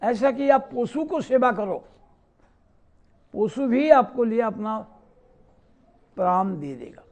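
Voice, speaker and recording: A man with a high, animated voice tells devotional stories in an unhurried way. He asks the listeners questions and then answers them himself. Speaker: spiritual teacher giving a discourse. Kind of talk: devotional scripture storytelling.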